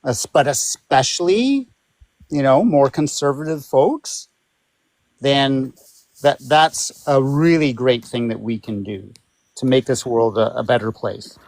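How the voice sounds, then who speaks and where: A man's voice: mid-range voice, a little slow, darkish tone, no room sound, low-quality recording. A man talking casually as a guest, informal and emphatic with a self-deprecating streak. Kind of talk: casual conversation.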